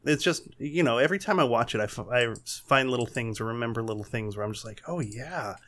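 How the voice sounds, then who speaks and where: A man's voice: medium pitch, fast, a bit bright. A man chatting casually, enthusiastic, laughing often and trailing off mid-sentence. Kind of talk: casual chat.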